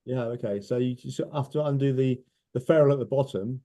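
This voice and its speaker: Male specialist, informal step-by-step explainer, brisk delivery, very mellow tone. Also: mid-range voice. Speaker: car specialist answering questions. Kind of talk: casual technical chat.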